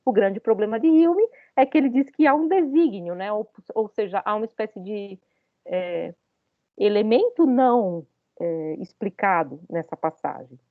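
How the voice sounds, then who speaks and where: A woman's voice: medium pitch, lively intonation, normal speed, dry recording, phone-quality sound. A woman giving a university lecture, talking it through with many hesitant fillers and questions to her students.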